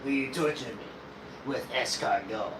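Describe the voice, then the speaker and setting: A man's voice: mid-range voice, moderate pace, far from the mic, pitched below the performer's own voice, close to an everyday voice. A man voicing a pompous, sneering Frenchman with a put-on French accent, in an echoey room. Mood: haughty. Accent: mock French. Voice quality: theatrical, haughty, mocking. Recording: echoey room with background noise.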